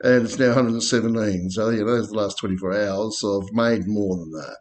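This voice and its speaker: A man's voice: on the low side, fairly quick. A man with an Australian accent talking casually through market charts, laid-back and slangy, rambling with plenty of fillers. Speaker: crypto chart commentator.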